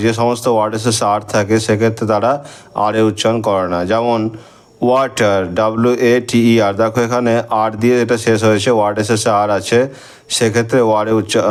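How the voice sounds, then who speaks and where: A man with a Bengali accent teaching English grammar to schoolchildren, slowly spelling out words letter by letter and counting their syllables. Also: lowish voice, clean tone. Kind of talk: recorded lesson for schoolchildren.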